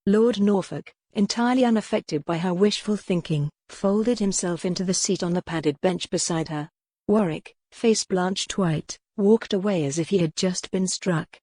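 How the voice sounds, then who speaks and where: A woman narrates a historical romance audiobook in scripted storytelling, her fairly low voice a little mellow. The recording is dry, with little room sound.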